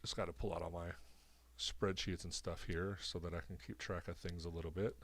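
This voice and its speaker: A man's voice: deep voice, flat delivery, brisk, fairly bright tone. A man with a cold streaming a video game, rambling and thinking aloud as he sets things up. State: sick with a cold, coughing. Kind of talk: casual commentary while setting up a video game.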